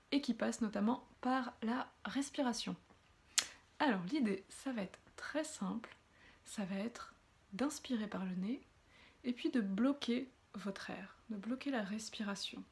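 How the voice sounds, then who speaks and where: A woman speaks directly to listeners as a relaxation coach, explaining a breathing exercise gently, phrase by phrase. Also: mid-range voice. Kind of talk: guided breathing exercise, spoken directly to viewers.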